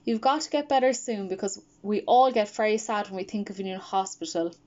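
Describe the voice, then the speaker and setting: A woman reading a sweet, earnest schoolgirl in a higher voice. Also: a little fast, a little mellow, highs cut off, close to an everyday voice.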